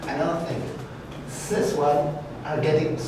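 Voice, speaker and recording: Speaking on the high side with little pitch movement, a middle-aged Peruvian man, a guest lecturer from an art faculty, gives a conference talk in halting English, pausing for words and self-correcting. The recording, made by a distant room camera with no mic in a large brick-walled indoor event room, is very echoey and carries background noise.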